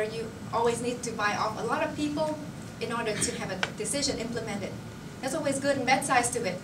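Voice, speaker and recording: A young woman giving a motivational speech to her colleagues. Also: on the high side. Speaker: company employee addressing colleagues. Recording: roomy, noisy recording from far off.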